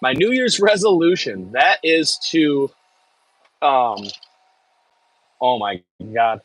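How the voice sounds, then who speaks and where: In a rough recording with a little hiss or hum, a Midwestern man from Michigan chats casually on his livestream, reading and responding to viewer messages in a rambling way. His voice runs on the high side, sing-song and fairly bright, at a slow pace.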